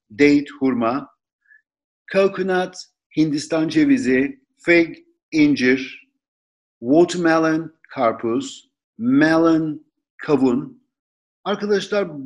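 A man teaching a vocabulary lesson, saying each word slowly and repeating it for pronunciation. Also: fairly high pitch. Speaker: English teacher.

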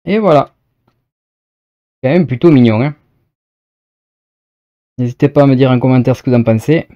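A man's voice: medium pitch, warm tone. Chatty man unboxing, dull lo-fi sound. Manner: chatty, thinks aloud, reads product text slowly. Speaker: unboxing video host. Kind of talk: casual unboxing commentary.

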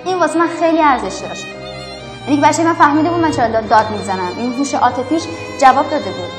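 A woman's voice: high-pitched, lively intonation. A young woman from Afghanistan, a schoolteacher, talking earnestly and reflectively in a documentary interview. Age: young adult. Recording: roomy echo with violin music over it.

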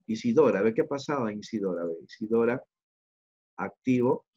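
A man's voice: lowish voice, expressive, fairly quick, a little mellow, slightly rough, lo-fi sound. A man running a live online training for teachers, walking through each click aloud and often checking in with the attendees.

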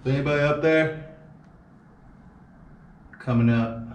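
A man's voice: a little high, steady tone, unhurried. A man exploring an abandoned powerhouse at night, chatting casually and cracking wry jokes into a handheld camera. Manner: wry joking remarks. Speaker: urban explorer. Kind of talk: casual chat while exploring. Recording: echoey building with noise.

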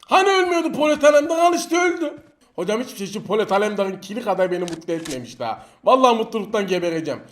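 High-voiced excitable Turkish gamer man. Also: racing. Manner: excitable, taunting opponents, shouting bursts. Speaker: mobile game streamer. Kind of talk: live gameplay commentary.

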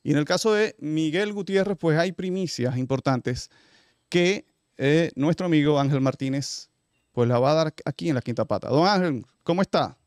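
A man's voice: a little high, moderate pace, darkish tone, dry recording. Male host, dry studio sound. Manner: conversational, filler-heavy questions. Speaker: show host. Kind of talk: studio interview. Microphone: studio mic.

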